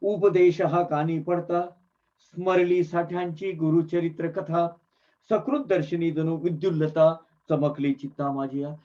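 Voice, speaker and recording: A man giving earnest devotional commentary on scripture, explaining emphatically and often restarting his phrases. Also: mid-range voice. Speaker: religious discourse speaker. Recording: dull lo-fi recording.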